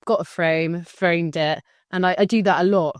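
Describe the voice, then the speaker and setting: A young woman co-hosting a podcast, chatting in a bubbly, animated way and laughing often. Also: on the low side, moderate pace, dry recording, studio quality. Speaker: podcast co-host. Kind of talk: casual chat.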